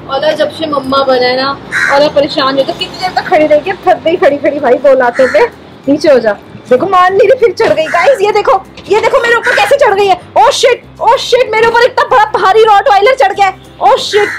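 High-voiced woman baby-talking to dogs. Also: moderate pace, very noisy. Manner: playful, coos and baby-talks to dogs. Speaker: vlog host. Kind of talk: casual vlog talk to camera and pets.

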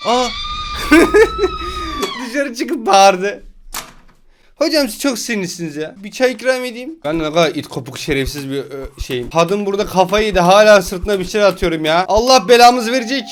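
A young man giving playful, teasing gaming commentary, laughing often and breaking into shouts. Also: high-pitched, lively intonation, fairly quick, slight background noise. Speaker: gaming YouTuber.

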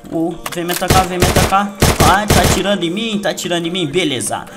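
A man's voice: high-pitched, quick pace. A man with a Brazilian Portuguese accent giving playful, boastful gameplay commentary to his viewers. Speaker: gaming youtuber. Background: loud game music and gunfire.

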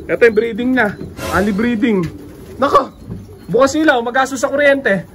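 Excitable man touring a pigeon loft. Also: very high voice, normal speed, slight background noise. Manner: excited, joking, exclaims often. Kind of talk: casual walkthrough vlog. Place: outdoor pigeon loft with birds around.

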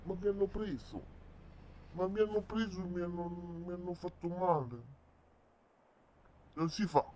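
A woman speaking through a deep voice changer, reacting in panic to a game. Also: moderate pace, pauses often, mellow. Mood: dragged.

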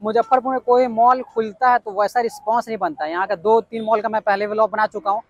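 A Bihari man talks fast in a high, steady-toned voice while giving an outdoor walkaround vlog at a building site. He's eager and hyped, repeating main points with "yes indeed," and the audio has background noise with the highs cut off.

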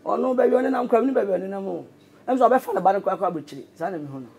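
A Ghanaian man in his thirties with a somewhat high voice and a Ghanaian accent. He talks as an interview guest, joking and laughing often, in a loose, animated conversational tone. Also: racing, vocal fry, breathy edge. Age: 30s. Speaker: interview guest, radio presenter and producer. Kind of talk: casual interview chat.

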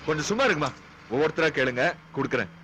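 A man's voice: on the high side, lively intonation, very fast, heavy background noise, lightly acted. A man playing a fed-up bus conductor who talks brusquely to passengers. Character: weary bus conductor handing out tickets. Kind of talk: film comedy acting. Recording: film soundtrack with loud music. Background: loud music.

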